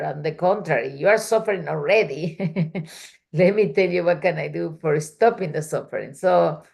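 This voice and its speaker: A woman with a deep voice and a gravelly edge leads a study group over a video call. She explains the text in a loose, conversational way, full of fillers and homely examples. She sounds like a teacher chatting rather than lecturing. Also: darkish tone.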